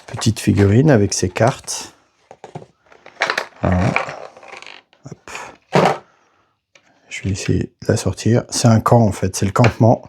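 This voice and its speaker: A man talks through a board game unboxing at a slow, halting pace, marking each step with small interjections. His voice sits low, with a gravelly, fried edge. A faint hiss of noise stays behind him. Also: darkish tone. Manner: slow, hesitant, narrates each step with "voilà" and "hop". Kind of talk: casual unboxing commentary.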